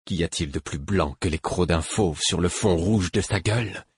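A man narrating a first-person adventure audiobook in a measured, gravely intense reading voice. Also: low-pitched, dry recording.

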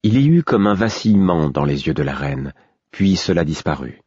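A man reading a first-person novel aloud in a measured, even style, in a dull, dry recording. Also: rumbling low, husky, no echo. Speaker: audiobook narrator. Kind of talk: scripted first-person literary narration.

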